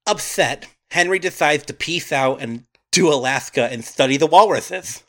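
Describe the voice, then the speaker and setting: A man's voice: on the high side, normal speed, a bit bright. A man co-hosting a podcast, recapping a movie plot and sharing trivia in casual chat, laughing often. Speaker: podcast co-host.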